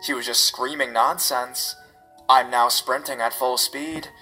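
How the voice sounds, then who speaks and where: A man narrates first-person horror stories in a steady, measured read. His voice is bright and forward, with soft music running faintly beneath. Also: medium pitch, rough recording.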